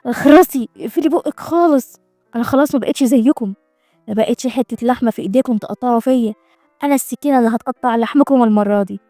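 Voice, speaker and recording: A woman voicing a spiteful, ambitious young schemer with an Egyptian Arabic accent, in a vicious, shrill manner. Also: very fast, dark tone, no echo, soft background music, close to an everyday voice. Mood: furious.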